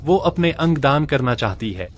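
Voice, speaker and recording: A man's voice: mid-range voice, animated, moderate pace, soft background music, close to an everyday voice. An actor playing a young husband who grieves his wife, his pleading disbelief giving way to a cold, calculating edge, in a dubbed drama. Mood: determined.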